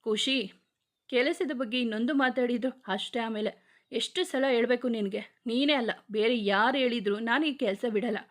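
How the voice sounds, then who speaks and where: A woman's voice: fairly high pitch, normal speed, close to an everyday voice. A woman reading the lines of a short-tempered young male police officer, speaking firmly and scolding. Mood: stern. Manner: firm, scolding, forceful delivery.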